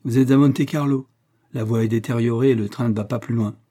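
A man voicing a brisk, matter-of-fact railway porter with a husky voice. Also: mid-range voice, steady tone, warm tone, close to an everyday voice.

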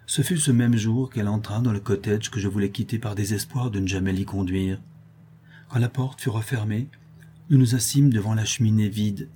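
A man narrating a literary novel as an audiobook in a measured, expressive reading. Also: lowish voice, slight background noise.

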